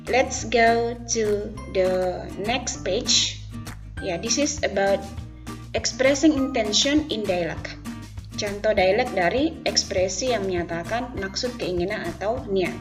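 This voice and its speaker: Indonesian-accented woman, English teacher, very slow careful pace, faint music behind. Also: mid-range voice. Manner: explains slowly, repeats each phrase in two languages. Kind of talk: bilingual online lesson.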